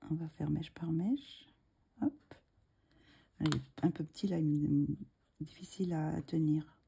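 Woman, coloring tutorial host, dark husky voice, hesitant, fillers, slight frog in throat. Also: low-pitched, steady tone, a little slow. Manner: hesitant, many fillers and restarts, murmurs asides while working. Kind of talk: casual tutorial talk while drawing.

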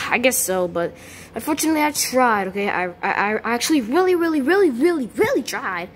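A bratty boy koopa prince, played by a woman, whining and grumbling in a high, bouncing voice. It is recorded on a handheld phone in a home kitchen, and the pitch jumps all over. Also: expressive, a little hiss or hum, lightly acted. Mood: whiny. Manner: whiny, grumbling, drawn-out sighs. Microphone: handheld phone camera.

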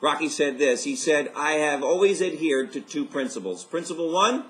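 A man's voice: fairly high pitch, expressive, moderate pace, fairly bright tone. A man in his fifties, a life coach hosting a motivational video message, speaking upbeat and enthusiastic straight to camera from his living room.

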